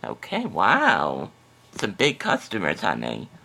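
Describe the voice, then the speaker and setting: A man's voice: low-pitched, wildly swooping pitch, slow pace, creaky, bright, forceful tone, breathy edge, exaggerated voice. A man voicing a chatty, skeptical female customer on a prank phone call, hesitant and exclamatory. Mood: amazed. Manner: hesitant, exclamatory, calls the listener honey.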